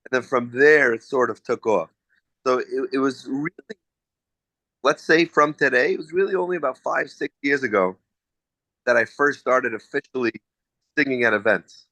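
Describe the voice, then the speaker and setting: An American man talks through his answers in a relaxed, chatty way, telling stories and restarting his sentences as he goes. His voice sits at a middle pitch. The sound is dry and close, with no room echo. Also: normal speed, pauses often. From United States. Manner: chatty, storytelling, with frequent restarts. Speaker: singer being interviewed. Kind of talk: casual interview answers.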